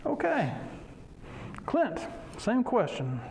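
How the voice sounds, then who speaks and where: A man's voice: very high-pitched, huge pitch swings, extremely slow, a little mellow. A man speaking through a face mask as he moderates a local election debate. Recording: noisy ambience, masked speech. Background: clear ambient noise.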